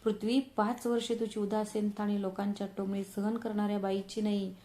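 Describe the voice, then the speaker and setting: A woman's voice: mid-range voice, little pitch movement, a little fast, mellow, natural voice. Wronged wife, bitter and icy, woman reading, echoey room. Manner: bitter, cutting. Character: wronged young wife, proud, sharp and cold. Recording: roomy echo.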